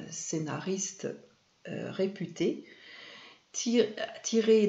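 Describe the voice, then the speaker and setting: A woman's voice: fairly low pitch, darkish tone. A woman from France presenting a video lesson on film and media, talking unhurriedly with many hesitations and self-corrections. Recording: echoey room, dull lo-fi sound.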